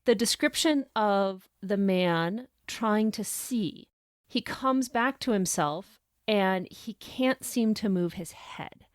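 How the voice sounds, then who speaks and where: A woman's voice: medium pitch, animated, takes it slowly, no room sound, studio quality. Thoughtful woman discussing a story. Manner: thoughtful, reads quotes aloud. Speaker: podcast co-host. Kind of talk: casual book discussion.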